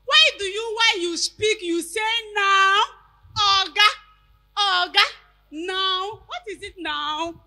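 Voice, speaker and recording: A woman's voice: very high-pitched, takes it slowly, sharp tone. A young woman from Côte d'Ivoire with an Ivorian French accent, doing stand-up on stage with a handheld mic, playing up broken English with dramatic outbursts. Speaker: stand-up comedian. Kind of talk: stand-up comedy. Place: large tented event hall, on stage.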